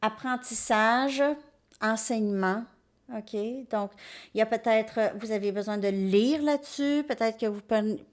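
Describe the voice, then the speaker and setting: A woman's voice: a little high, a little slow. A woman with a Québécois accent giving a casual, rambling spiritual talk to her viewers as a tarot reader, often checking in with "ok?" and restarting her sentences. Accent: Québécois French. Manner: rambling, repeats "ok?" and "hein", many restarts.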